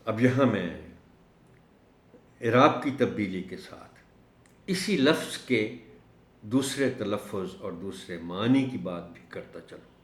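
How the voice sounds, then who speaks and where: A man teaching a recorded lesson for teachers, explaining words slowly and drawing out the key ones. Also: fairly low pitch, lively intonation, reverberant. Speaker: teacher trainer.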